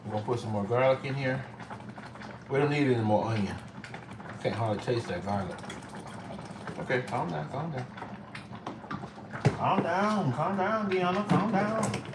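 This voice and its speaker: This casual cooking vlog features a middle-aged man chatting to viewers and his pets as he works in his home kitchen. His medium-pitched voice moves at a measured pace with long pauses. Background noise, echo, and a distant mic color the recording.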